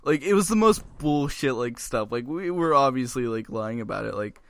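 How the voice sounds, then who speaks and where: Dude rambling on a podcast, says like every other word, dry close sound. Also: male voice, mid-range voice, animated, normal speed, fairly bright tone, clean tone, dry recording. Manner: rambling with many likes, swearing. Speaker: podcast co-host. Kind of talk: casual podcast chat.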